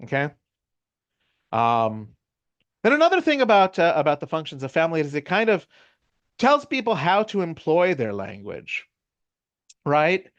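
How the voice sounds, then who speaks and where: The middle-aged American university lecturer, Californian accent and all, has a slightly high voice whose pitch swoops wildly; he speaks at normal speed but pauses often. His lecture is casual and chatty, full of "you know" and "right?" check-ins, captured lo-fi with no echo.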